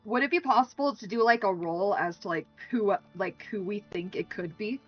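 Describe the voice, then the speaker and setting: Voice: medium pitch, normal speed, no room sound. A player with a mid-range voice asks loose, filler-filled questions at the table. The sound is dull and lo-fi, with faint music behind. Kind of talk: casual tabletop chat.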